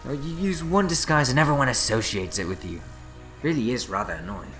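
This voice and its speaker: A man's voice: medium pitch, fairly quick, fairly bright tone, natural voice. A man playing a sly, fussy, meddling schemer in a fan audio drama, with a wheedling, theatrical manner. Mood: peeved. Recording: echoey room, music behind.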